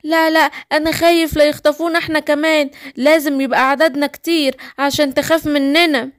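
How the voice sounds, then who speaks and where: A woman's voice: high-pitched, little pitch movement, fast talker, close to an everyday voice. A woman with an Egyptian accent voicing a timid, worried young lion cub. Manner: anxious, calling out.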